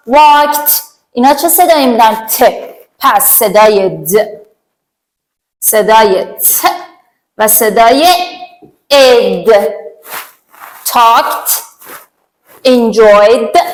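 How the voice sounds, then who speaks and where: A woman teaching an English grammar lesson, chatty and playful, giving verbs voices and drilling word pairs slowly. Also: a little high.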